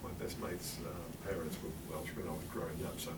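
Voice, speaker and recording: A middle-aged man from England presents a chatty, wry talk in a public library meeting room, full of fillers and asides. His voice is deep and level and fairly quick. He sits far from the mic in a roomy hall with a noisy background.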